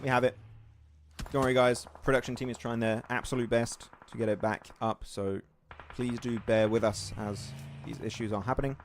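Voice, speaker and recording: A man's voice: mid-range voice, little pitch movement, normal speed. A man co-hosts a live esports watch party, calling the action with energy. His voice jumps sharply when something surprises him, and he laughs often. A faint background noise sits under the recording.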